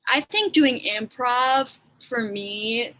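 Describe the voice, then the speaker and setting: Young woman, Wisconsin accent, slightly high voice, unhurried and full of fillers, podcast guest. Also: sharp tone. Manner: chatty, lots of "like" fillers. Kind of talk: casual interview chat.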